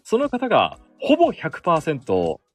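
A man's voice: fairly high pitch, huge pitch swings, moderate pace, no echo, faint music behind. A sports announcer in his thirties hosting a solo podcast, chatting casually and self-deprecatingly about his work. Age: 30s. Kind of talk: casual solo radio-style chat.

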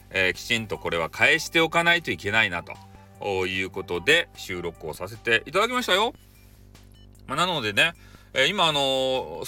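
A man's voice: medium pitch, bright, forceful tone. A man with a Hakata dialect, chatting casually and jokingly as the host of a solo podcast. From Fukuoka, Japan. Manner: chatty, jokey, mixes dialect into polite speech.

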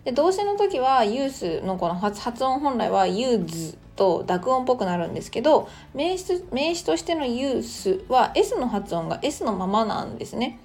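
A woman hosting a casual podcast lesson, explaining English phrases in a chatty way and reading example sentences slowly and carefully. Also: fairly high pitch, sing-song, darkish tone. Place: Australia.

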